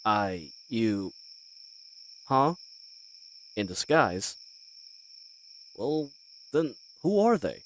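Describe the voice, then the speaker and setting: A man's voice: fairly low pitch, big pitch swings, drawn-out words, pauses often, slight background noise, exaggerated voice, low-quality recording. A man playing a roguish, good-humoured bandit leader in a fantasy audio roleplay, talking in a folksy, teasing and hesitant way. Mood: bewildered, incredulous.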